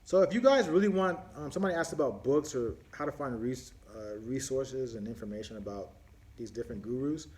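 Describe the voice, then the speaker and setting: A man's voice: mid-range voice, fairly quick, darkish tone. Rambling man hosting a live Q&A. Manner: rambling, with many fillers and restarts; answers viewer questions as they come in. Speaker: host of a live viewer Q&A. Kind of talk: casual live-stream chat.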